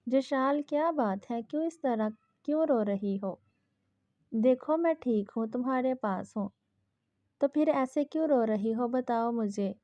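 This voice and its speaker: A woman voicing a devoted young husband who soothes and teases his wife gently, in a dull lo-fi recording. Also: on the high side, no room sound, lightly acted. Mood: soothing. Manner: tender, coaxing, playful teasing.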